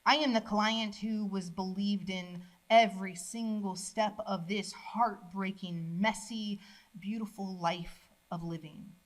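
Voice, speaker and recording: A medium-pitched woman reads her own poems aloud at a college event, slowly and with fairly even intonation, in a declamatory voice that rises. Between pieces she makes casual remarks to the audience. The audio quality is poor.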